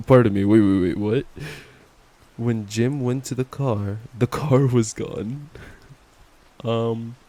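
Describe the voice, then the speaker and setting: A young man in a playful, affectionate ASMR boyfriend roleplay reads a bedtime story slowly, in a warm, mid-range voice, with stumbles and giggly asides. Rain ambience plays throughout the noisy recording.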